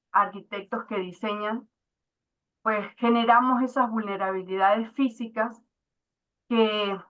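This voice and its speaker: A woman moderating an online panel, thanking the speaker with hesitant, drawn-out phrasing. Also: mid-range voice. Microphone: video call. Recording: dull lo-fi video call audio.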